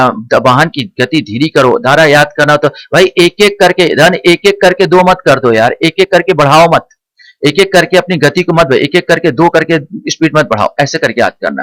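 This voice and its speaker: A male teacher giving an exam-prep lecture, explaining slowly and repeating key points as he quizzes the listener. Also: medium pitch, a bit bright, dry recording. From India.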